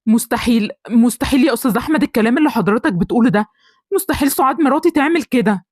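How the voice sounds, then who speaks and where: A woman's voice: fairly high pitch, lively intonation, very fast, a little mellow, slightly rough, dry recording, clean studio sound. A woman with an Egyptian accent voicing a meek older man who pleads that his wife is innocent. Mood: pleading.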